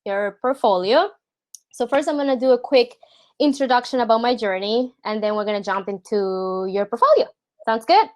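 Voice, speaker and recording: A product designer from San Juan, Puerto Rico, hosts an informal online portfolio review over a video call. A native Spanish speaker with a Puerto Rican accent, she talks in a chatty way in a slightly high, animated voice at normal speed.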